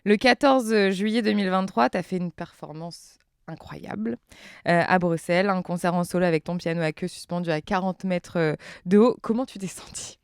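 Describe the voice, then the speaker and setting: Brisk French woman podcast host. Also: lowish voice, clean tone, no echo, studio quality. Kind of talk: interview hosting.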